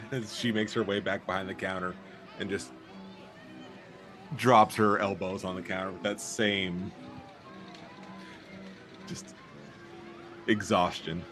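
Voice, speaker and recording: A man's voice: deep voice, steady tone, slow pace, long pauses, a bit bright, soft background music. A man narrating an improvised tabletop role-playing game as game master.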